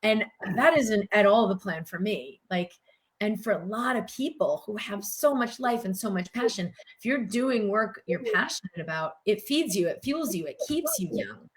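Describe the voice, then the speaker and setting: An earnest woman in middle age who comes from the United States talks in a mid-range voice. She speaks in a warm, animated interview style and fills her thoughts with casual filler words. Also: mid-range voice, moderate pace. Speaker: doctor and guest. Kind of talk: conversational interview.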